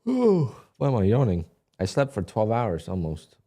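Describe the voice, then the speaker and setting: A man chatting casually on a live stream while day trading, thinking aloud with halting restarts. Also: on the low side, expressive, mellow. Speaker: livestream day trader.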